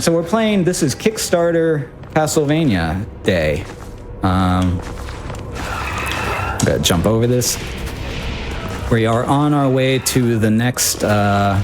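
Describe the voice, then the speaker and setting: A man's voice: medium pitch, noisy background. A man giving casual, wry live commentary on his own speedrun, often breaking off his sentences as he thinks aloud. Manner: informal, wry, self-interrupting thinking aloud.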